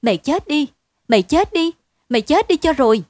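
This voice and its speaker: A frantic peasant wife cries out in a high, strained voice, wailing at her husband. A woman narrator plays her, in a close, dry storybook reading. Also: very animated, a little fast, a little mellow, dry recording. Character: panicked shrieking peasant wife.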